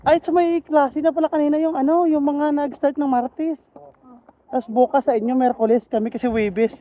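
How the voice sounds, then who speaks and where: A man with an Ilonggo accent chatting casually on a walking vlog outdoors, playful and quick to laugh. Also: extremely high pitch, fairly even intonation, highs cut off. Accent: Ilonggo Filipino. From Philippines. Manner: playful, laughs often, jokes around. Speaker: vlogger. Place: outdoors on a cold street.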